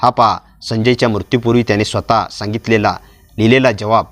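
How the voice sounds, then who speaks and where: A man voicing a calm, menacing middle-aged man who taunts smugly. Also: fairly low pitch, fairly quick, close to an everyday voice. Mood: taunting.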